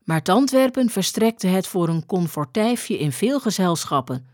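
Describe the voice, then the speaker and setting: A woman reading an old-fashioned story aloud in a measured, deliberate way. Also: medium pitch, animated, darkish tone, no echo, clean studio sound. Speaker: reader.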